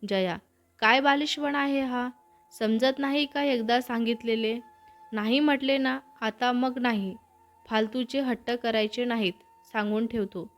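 Storybook brother, young man, stern, protective, scolding as a woman reads him, high voice. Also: steady tone, measured pace, soft background music, lightly acted. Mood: angry. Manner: scolding, firm.

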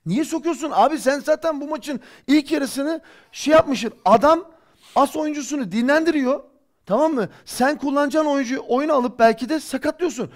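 A man's voice: very high voice, moderate pace. A man in his forties giving heated post-match football commentary, impassioned and scolding. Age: 40s. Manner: impassioned, ranting, rhetorical scolding. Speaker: football pundit. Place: studio.

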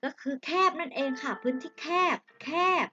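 A woman's voice: high voice, normal speed, pushed and bright, dull audio, a little hiss or hum. A woman teaching Chinese vocabulary to children. She speaks patiently, draws out each syllable and addresses the kids directly. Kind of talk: slow vocabulary lesson with repeat-after-me drills.

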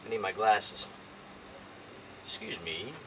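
Working in an open cargo van next to a garage outside, an older American DIY vlogger talks slowly in a lowish voice with big pitch swings, chatting to himself in a rambling, folksy way. The camera a few feet away picks up loud noise and clicks.

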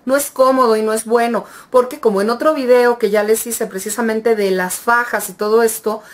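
A woman's voice: on the high side, fairly even intonation, fairly quick. A woman vlogger giving casual, reassuring advice, speaking straight to her viewers in an affectionate way. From Mexico. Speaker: vlogger and tarot reader.

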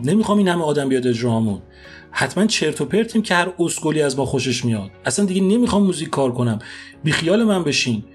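A worn-out young rock singer spills a desperate rant, his husky voice jumping up in pitch and rushing as the anger builds, as a storytelling man puts him on. Faint music plays underneath. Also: darkish tone. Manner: ranting, desperate. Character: angry exhausted young male rock singer.

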